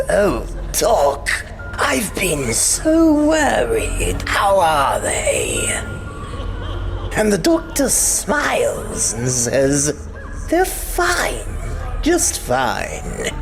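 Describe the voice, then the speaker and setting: Sadistic clown villain, slow and drawn-out, gravel in the throat, taunting and theatrical, for a comic-book audio drama. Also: male voice, fairly high pitch, exaggerated voice. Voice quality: gravelly, cackling.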